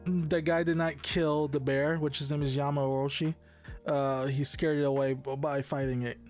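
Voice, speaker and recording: A man's voice: on the high side, little pitch movement, moderate pace, a little mellow, soft background music. A young man hosting a casual podcast chat, rambling with lots of restarts, swearing and laughing. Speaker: podcast host.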